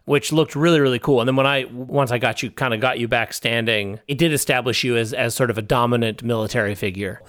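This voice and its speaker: A man co-hosting a comedy show, narrating an improvised story in a deadpan, mock-epic way. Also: medium pitch, quick pace, hardly any pauses, no echo, studio quality. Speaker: podcast co-host.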